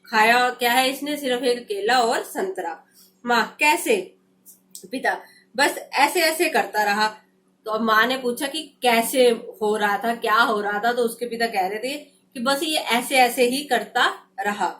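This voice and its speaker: Woman teacher retelling a lesson, slightly high. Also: measured pace, fairly bright tone. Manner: reads a passage, then retells it in loose everyday speech with many fillers. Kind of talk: explaining a textbook lesson.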